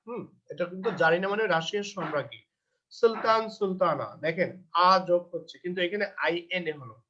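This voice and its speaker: A man with a Bangladeshi accent gives a recorded English grammar lecture in a high voice. He reads textbook sentences slowly, then explains them and asks and answers his own questions. The recording is dull and lo-fi. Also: fairly bright tone, slight background noise.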